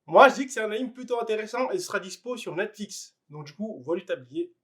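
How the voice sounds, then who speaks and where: A man's voice: high voice, lively intonation, fairly quick, fairly bright tone, slight background noise. A man hosting a casual anime news vlog, chatting straight to the viewer with plenty of fillers and restarts. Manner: chatty, addresses viewer directly, many fillers. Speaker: anime news video host.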